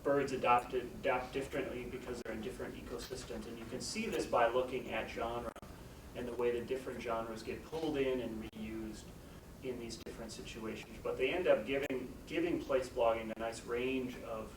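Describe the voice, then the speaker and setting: A man's voice: medium pitch, steady tone, normal speed. A man speaking as a doctoral candidate in an informal academic discussion, tentatively circling through rephrasings. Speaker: doctoral candidate defending a dissertation. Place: echoey room, recorded from a distance. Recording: roomy, distant mic with loud background noise.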